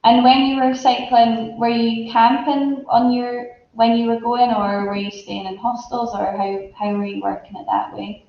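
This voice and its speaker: A woman's voice: fairly high pitch, little pitch movement, moderate pace, few pauses. A woman hosting a casual interview, asking questions in a conversational way. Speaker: interviewer, host. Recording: echoey room, dull audio, noisy background.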